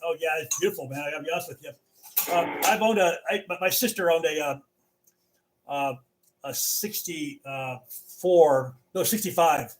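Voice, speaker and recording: A man runs an amateur radio net in a casual, conversational way. His voice sits a little high, and he talks haltingly, often repeating words as he goes. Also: a little hiss or hum, rough recording.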